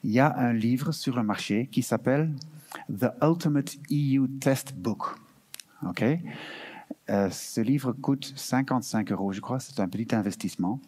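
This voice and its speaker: A Belgian man representing an EU recruitment office takes audience questions at an information session. His medium-pitched voice is darkish and husky at a measured pace, and he sounds hesitant, with many fillers and restarts and occasional slips into English terms.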